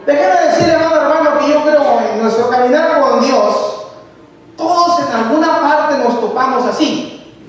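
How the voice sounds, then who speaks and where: A man's voice: very high voice, moderate pace. A man preaching a conversational sermon in a church, often asking the congregation direct rhetorical questions. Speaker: lay preacher. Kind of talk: conversational sermon with personal testimony. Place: church sanctuary. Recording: distant mic in a reverberant hall.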